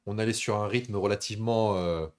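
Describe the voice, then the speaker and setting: Deep-voiced man with a radio-presenter sound. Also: fairly even intonation, fairly quick, smooth. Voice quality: radio-presenter voice, easy to listen to. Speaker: host of a combat sports stream. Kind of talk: casual live-stream storytelling.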